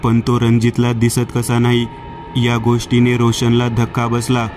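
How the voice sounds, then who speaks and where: A man reading a horror story aloud in a slow, steady scripted narration. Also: medium pitch, noisy background.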